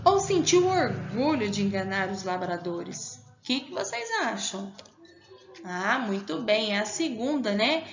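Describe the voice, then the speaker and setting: A woman's voice: medium pitch, very animated, measured pace, dull audio. A Brazilian woman teaching a primary school class online, patient and encouraging, asking the children questions as she goes. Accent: Brazilian Portuguese.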